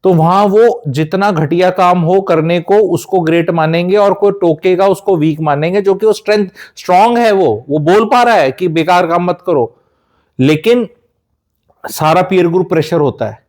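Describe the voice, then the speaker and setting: A man's voice: high-pitched, normal speed, a little mellow. A man from India giving life advice in an emphatic, lecturing way, dropping English phrases into his talk.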